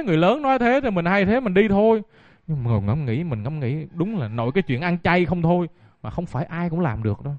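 Addressing his audience directly, a male Buddhist monk tells stories during a dharma talk in a voice on the high side. The recording is dull, dry, and lo-fi.

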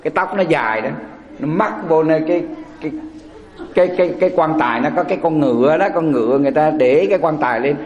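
Male Buddhist monk, slightly high voice, folksy sermon in a reverberant temple hall. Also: quick pace, darkish tone, dull audio. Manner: rhetorical questions, asking the audience back. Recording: echoey hall.

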